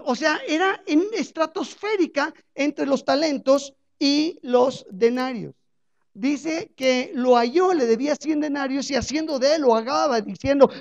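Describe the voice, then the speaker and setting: Gravelly-voiced woman preaching on radio. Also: sits high, a little mellow. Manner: conversational preaching with frequent rhetorical check-ins. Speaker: Bible teacher on a radio program. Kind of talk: radio sermon on a parable. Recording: dull lo-fi radio recording.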